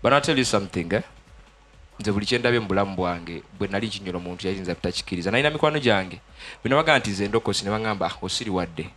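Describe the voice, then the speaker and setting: A young Ugandan man, a gospel musician, shares his testimony during a TV studio interview, holding a handheld mic. His voice sits on the low side and sounds animated and slightly bright, with a faint hiss or hum. He speaks earnestly and quickly in a Ugandan accent, moving back and forth between Luganda and English.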